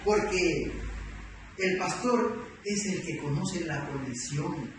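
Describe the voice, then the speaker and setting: A man's voice: on the high side, takes it slowly. A man, emphatic and full of rhetorical questions. He is recorded from a distance in a large church hall, with a strong echo and a constant background noise. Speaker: preacher teaching doctrine. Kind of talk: sermon.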